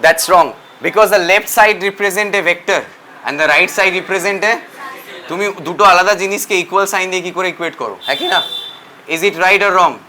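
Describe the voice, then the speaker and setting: Male teacher, Bengali accent, classroom lecture, quizzing style; sharp bright tone. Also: high-pitched, normal speed, a little hiss or hum. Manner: mixes Bengali and English, quizzes students. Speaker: physics teacher.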